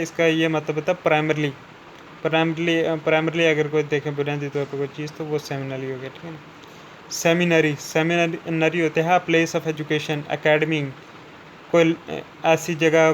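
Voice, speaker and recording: A man teaching English vocabulary, explaining each word in Hindi. He keeps checking with "theek hai na" and slows down to read out the English definitions. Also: a little high, slight background noise, poor audio. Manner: repeats "ठीक है ना" after each point, slows down for English definitions.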